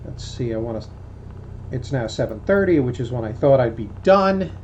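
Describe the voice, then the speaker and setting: Pilot talking through a cockpit headset. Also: male voice, medium pitch, lively intonation, moderate pace. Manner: thinks aloud, hesitant and self-deprecating. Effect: heard through a cockpit headset intercom. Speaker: student pilot flying a small plane. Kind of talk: casual vlog narration mixed with radio calls. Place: cockpit of a small propeller plane. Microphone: aviation headset mic. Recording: muffled cockpit audio with faint engine hum.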